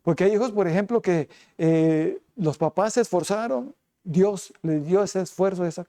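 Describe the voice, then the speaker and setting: A man preaching as a pastor, emphatic, pressing his flock with rhetorical questions and moving between quick and slow passages. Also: high voice, warm tone. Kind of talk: sermon.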